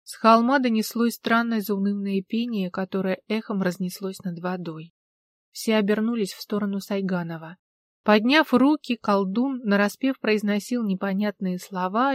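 Woman, audiobook narration, steady, even, mid pitch, dry sound. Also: no room sound. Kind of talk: scripted narration.

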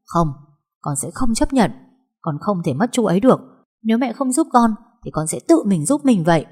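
A woman voicing a headstrong, spoiled young mother who speaks in a shrill, defiant tone. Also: sing-song, normal speed, a little mellow, husky.

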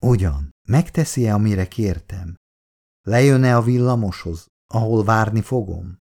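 A man's voice: fairly low pitch, a little mellow, natural voice. A man voicing an earnest, matter-of-fact young man in love.

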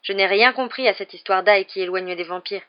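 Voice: mid-range voice, brisk, dull audio, close to an everyday voice. A reader voicing an anxious, eager schoolboy who sounds hopeful and hesitant.

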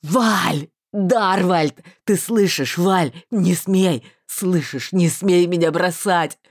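A woman voicing a loyal, hot-tempered young male mage who shouts in loud anguish and fury. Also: lowish voice, takes it slowly, no echo, studio quality, pitched below the performer's own voice. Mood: anguished shouting.

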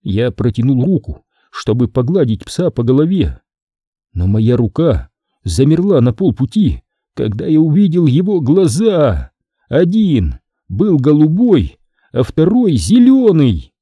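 A man narrating a children's story in an expressive, measured reading. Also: fairly high pitch, no echo, muffled recording. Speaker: audiobook narrator.

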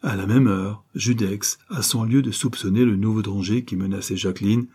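A man narrating a serialized novel as an audiobook in a measured, solemn reading. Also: fairly low pitch, fairly even intonation, mellow, husky.

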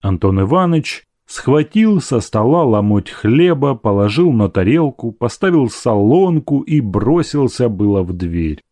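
A man narrating a classic novel in a measured, expressive way. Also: mid-range voice, dry recording, clean studio sound. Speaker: audiobook narrator. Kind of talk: scripted narration.

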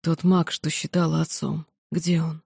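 A woman voicing a sick male mage who speaks hoarsely, weak and strained. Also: deep voice, flat delivery, a little slow, mellow, no room sound, clean studio sound, full character voice. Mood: urgent.

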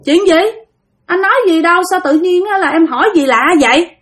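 A woman's voice: very high-pitched, a little fast, a bit bright, voice pushed up. A woman voicing a confused young man who is puzzled and keeps asking questions. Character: confused young man, unaware of anything odd.

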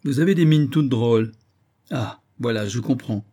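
A man doing a theatrical, excitable old-time sleuth. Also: mid-range voice, moderate pace, natural voice. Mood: jovial. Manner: theatrical, exclaiming like a street hawker. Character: excitable eccentric middle-aged male sleuth.

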